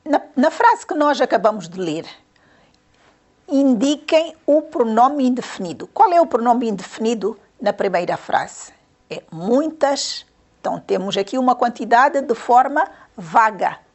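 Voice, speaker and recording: A woman's voice: a little high, animated, a little slow. A woman teacher giving a grammar lesson to young pupils, patiently repeating questions and counting syllables aloud.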